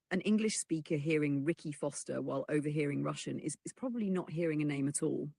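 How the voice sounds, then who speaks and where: Text-to-speech narrator for a chatbot answer, husky and gravelly, measured explainer read, dry close sound. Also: medium pitch, dry recording. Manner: measured, even explanatory delivery that reads punctuation aloud. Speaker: AI assistant reply read aloud. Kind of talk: synthetic voice reading a chatbot answer.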